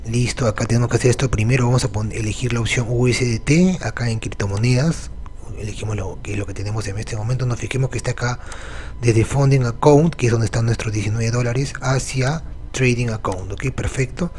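A man's voice: medium pitch, a little fast, darkish tone. Male tutorial host, loose and chatty with many fillers; faint background hiss. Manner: casual, many fillers and restarts. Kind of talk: screen-recorded tutorial.

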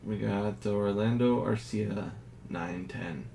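A man casually narrating as he reveals graded trading cards, reading out each grade in a low-key, unhurried way. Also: creaky. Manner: slow, low-key commentary, grades read in a flat list. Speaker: card collector. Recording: audible background noise.

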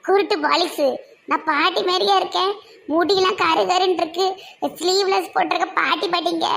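A woman playing a shrill, scolding village aunt with a Kanyakumari accent. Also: steady tone, brisk, gravelly, fairly bright tone, a little hiss or hum, exaggerated voice. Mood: indignant. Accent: Kanyakumari Tamil. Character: quarrelsome meddling village aunt who insists she is not old. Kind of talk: village comedy skit.

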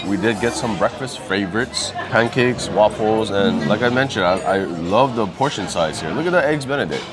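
A man's voice: on the low side, lively intonation, normal speed. A man in his thirties, a food vlogger, cheerfully describing dishes while eating in a busy restaurant. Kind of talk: casual food review chat. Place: restaurant dining room by the beach. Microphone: lapel mic. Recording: loud music and crowd behind. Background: piano music and diners chatting.

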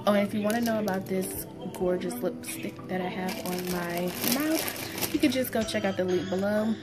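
A woman's voice: medium pitch, moderate pace, loud music behind the voice. A young woman giving a casual, rambling product review in a small room, talking with a sore, stitched mouth after having teeth pulled. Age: young adult. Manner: informal, rambling. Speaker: beauty vlogger. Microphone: phone propped at arm's length.

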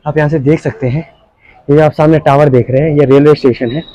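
A young man hosting a real estate channel, giving an upbeat sales pitch as he walks a street and an empty shop, with short pauses between phrases. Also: fairly even intonation, dark tone, no echo, muffled recording. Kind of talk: property walkthrough narration.

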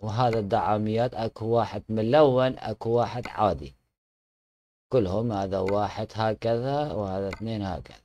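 A man's voice: fairly low pitch, brisk, a little mellow, slight background noise. A man with an Iraqi Arabic accent giving casual game tutorial commentary, chatty and fond with viewers, often restarting his words. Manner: chatty, addresses viewers fondly, frequent restarts. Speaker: gaming channel host showing a truck mod.

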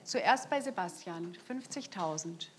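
A woman's voice: on the low side, lively intonation, measured pace, a little hiss or hum. A middle-aged woman working as an auctioneer, calling out bids live and repeating the figures with emphatic stresses. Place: indoor saleroom at a lectern. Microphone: lapel microphone.

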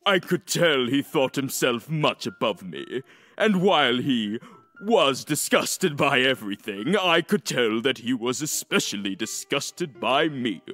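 A man narrating a first-person fan audiobook, expressive, with smug asides. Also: medium pitch, a little slow, faint music behind. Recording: long echoey reverb.

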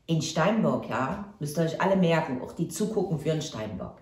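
A woman's voice: low voice, animated, moderate pace, a little mellow, reverberant. A woman giving a casual tarot reading to camera, chatty and reassuring, often tagging on a questioning "ja?". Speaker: tarot reader.

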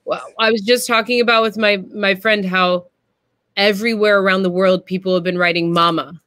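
A woman's voice: medium pitch, steady tone, brisk, a bit bright, no echo. A woman hosting an online event, effusive and encouraging, often repeating her words as she speaks over a video call. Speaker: event host. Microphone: webcam video call.

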